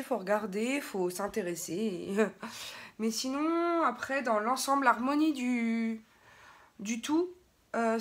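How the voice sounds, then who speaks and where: A young French beauty vlogger with a slightly high, somewhat bright voice chats casually to her viewers during a makeup tutorial. She's from France and talks directly to the audience, often wandering off into asides.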